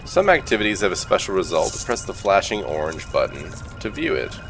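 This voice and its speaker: A man's voice: sits low, sing-song, brisk, music in the background. A man doing casual gameplay commentary, reading game text aloud with dry, joking asides. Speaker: gaming video host.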